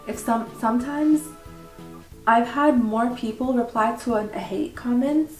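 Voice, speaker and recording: A woman being interviewed as a pageant winner, chatting casually and haltingly with lots of filler words. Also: fairly high pitch, darkish tone. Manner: informal, halting, frequent "like" and "you know". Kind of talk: casual question-and-answer chat. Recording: echoey room with background music.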